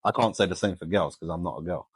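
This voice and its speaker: A man's voice: low voice, fast talker, breathy edge, no room sound. A man, talking casually and colloquially as a podcast co-host, giving his opinions.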